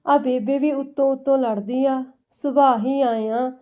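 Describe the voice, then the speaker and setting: A woman's voice: high voice, steady tone, a little slow. A woman voicing an easygoing young man who speaks fondly and plainly of his mother. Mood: soothing. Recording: dull lo-fi recording.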